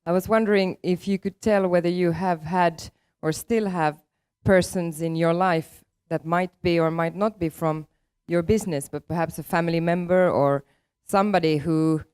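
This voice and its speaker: Brief: woman from Finland, audience questioner, hesitant, lowish smooth voice. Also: darkish tone. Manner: hesitant, searching for words. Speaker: audience member asking a question. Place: lecture hall.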